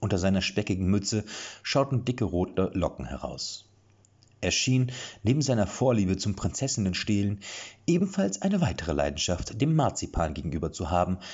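A man narrating an audiobook in an expressive, playful storytelling manner. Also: sits low, slightly rough. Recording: dull lo-fi recording.

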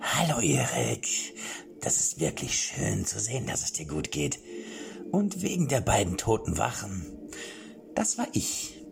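A man voicing a deranged old male king in an audiobook, with a high, shrill, old-sounding voice that drops into manic whispers. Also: wildly swooping pitch, unhurried, crowd noise, exaggerated voice. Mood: deranged glee. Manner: manic, sing-song, sudden whispers and shrieks. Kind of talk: audiobook character voice. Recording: clear background music.

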